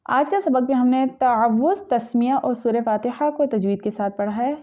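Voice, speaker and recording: A woman teaching tajweed, switching between slow, drawn-out recitation and quick explanations. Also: on the high side. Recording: tinny phone-like audio.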